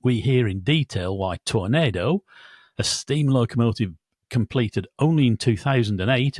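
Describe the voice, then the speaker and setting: A man's voice: lowish voice, dry recording, studio quality. A British man hosting a railway podcast, bantering and reading listener mail in a jovial, self-deprecating way. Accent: British English. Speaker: podcast host.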